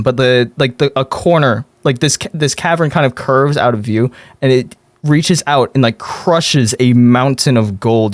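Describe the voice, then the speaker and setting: A man working as game master, improvising descriptive narration in halting phrases. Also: mid-range voice, dry recording.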